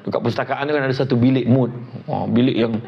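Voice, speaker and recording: A middle-aged man with a Malaysian Malay accent giving a humorous motivational lecture in a library hall, animated and joking. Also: quick pace, creaky. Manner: animated and joking, acts out quotes in high voices. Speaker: motivational preacher. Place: event hall at a public library. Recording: dull lo-fi live recording with background noise.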